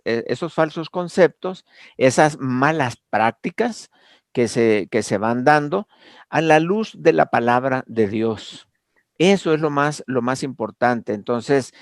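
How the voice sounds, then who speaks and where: Gravelly man teaching a Bible class. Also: mid-range voice, dry recording, studio quality. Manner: hesitant, many fillers and restarts. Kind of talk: online Bible class discussion.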